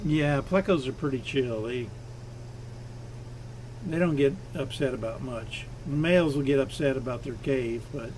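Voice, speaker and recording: A man's voice: mid-range voice, measured pace, darkish tone, a little hiss or hum. A man hosting a live stream from his home fish room, casually explaining his fish while he works on the tanks.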